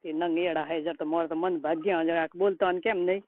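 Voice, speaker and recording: In a recorded private phone call, a middle-aged woman with a rural Rajasthani Marwari accent scolds colloquially as a relative giving advice. Her voice is on the low side, steady in tone and a little fast. The line is tinny and the recording noisy.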